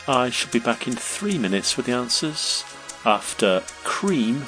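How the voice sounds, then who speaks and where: A man hosting a quiz podcast, reading out the questions in a measured, clear way. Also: mid-range voice, sing-song, music in the background. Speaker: quiz host.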